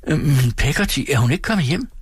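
A man reads out a frightened little boy from a storybook, his voice pushed up high and pleading. The boy sounds anxious and close to tears, with a husky edge that stays from the reader, in a dry close sound. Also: lively intonation, no room sound.

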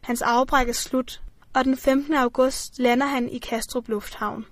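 A woman reading scripted documentary narration in an even, measured way. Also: high-pitched, dry recording.

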